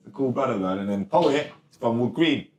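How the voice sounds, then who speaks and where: With a medium-pitched voice, lively intonation, and a brisk pace, a male rapper guest chats casually in an interview, using laid-back slang, frequently dropping "you get me," and laughing often. The recording studio gives a roomy sound.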